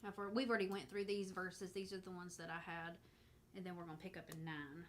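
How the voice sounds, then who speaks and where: A woman's voice: lowish voice, level tone, fast, a little hiss or hum. A woman co-leading a Bible study, adding points about the verses and asking questions in an easygoing way. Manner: chimes in with short agreements and adds verse notes. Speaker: youth director co-hosting a Bible study. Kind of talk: conversational Bible discussion.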